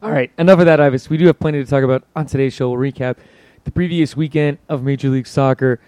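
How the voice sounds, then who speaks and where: A man hosting a sports podcast in casual, joking banter, his voice hoarse and worn out from yelling. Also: medium pitch, steady tone, fast, no room sound.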